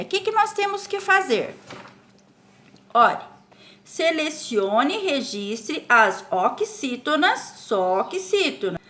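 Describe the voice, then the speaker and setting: A Brazilian woman teaching a recorded spelling lesson to children. She explains slowly, stretches out syllables and keeps asking the class check questions. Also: high voice, bright, forceful tone. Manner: speaks of herself in the third person as "a Pro". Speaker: primary school teacher.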